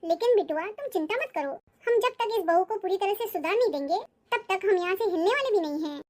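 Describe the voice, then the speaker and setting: A shrill, bossy old grandmother in a cartoon, voiced by a woman. She speaks with an Awadhi-tinged Hindi accent. Her voice is very high, and she scolds sharply. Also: lively intonation, brisk, darkish tone. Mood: assured. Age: older. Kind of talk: cartoon voice acting.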